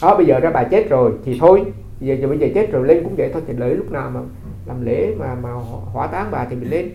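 A Buddhist monk giving a dharma talk, telling stories and asking rhetorical questions. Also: male voice, medium pitch, animated, quick pace, gravelly, soft background music. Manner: conversational storytelling with rhetorical questions. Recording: roomy, slightly dull recording.

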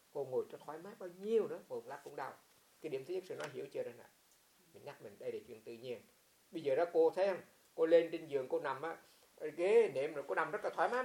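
A man's voice: a little high, vocal fry. A monk with a Huế accent giving an informal meditation talk, telling stories and asking his listeners rhetorical questions. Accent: Huế Vietnamese. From Huế, central Vietnam. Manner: animated storytelling, frequent rhetorical questions. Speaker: Buddhist monk teaching meditation. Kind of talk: informal dharma talk answering a student.

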